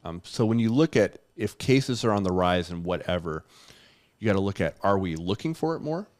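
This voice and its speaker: A man's voice: low-pitched, expressive, a little fast, darkish tone, no room sound. A middle-aged man, a doctor and co-host, explaining health topics casually in a podcast chat, thinking aloud with fillers.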